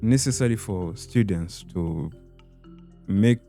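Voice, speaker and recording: A young man with a Rwandan accent, a student leader, speaking in a halting way with many restarts. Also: fairly low pitch, vocal fry, mellow, soft background music. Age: young adult. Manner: laughs often, halting. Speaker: student guild president. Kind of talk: casual interview chat.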